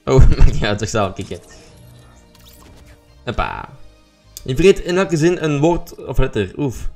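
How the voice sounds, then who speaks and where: A man's voice: medium pitch, sing-song, a little slow, darkish tone. A man streaming a video game live, talking loosely and casually to his viewers and teammates. He greets people by name and hums little tunes between moves. Faint music plays underneath. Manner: chatty, greets viewers, hums while playing. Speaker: livestream gamer host. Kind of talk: casual live gameplay chat.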